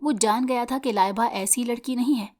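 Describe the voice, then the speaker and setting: A woman narrating a dramatic novel as scripted storytelling, steady and even. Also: fairly high pitch.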